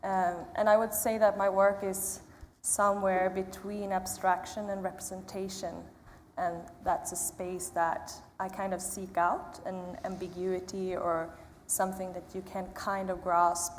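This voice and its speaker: A woman from Sweden introducing her painting at a panel, speaking in a measured, reflective way with pauses. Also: on the low side. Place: museum auditorium. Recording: long hall reverb, faint room noise.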